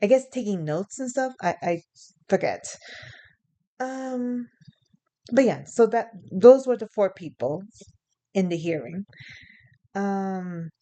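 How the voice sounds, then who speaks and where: Speaking slowly with long pauses, this New York woman in her young adult years has a warm, medium-pitched voice with lively intonation. As a vlogger she tells rambling stories, chuckling and filling gaps with fillers and self-corrections.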